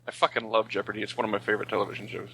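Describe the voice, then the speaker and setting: A man's voice: lowish voice, level tone, very fast, bright, forceful tone, a little hiss or hum, rough recording. A man co-hosting a podcast, playful and teasing, laughing often. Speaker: podcast co-host. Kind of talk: casual podcast banter.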